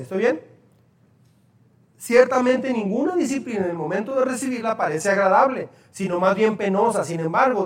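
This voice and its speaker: A man preaching a sermon as pastor, talking conversationally and quizzing his congregation. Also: high voice. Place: church hall. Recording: echoey hall, poor audio.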